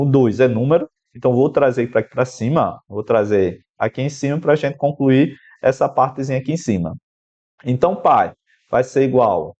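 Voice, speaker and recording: A man's voice: mid-range voice, mellow. Man teaching math step by step. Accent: Brazilian Portuguese. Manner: explanatory, working step by step through an equation, addressing the student directly. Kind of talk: exam-prep math lesson. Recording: slightly dull, lo-fi sound.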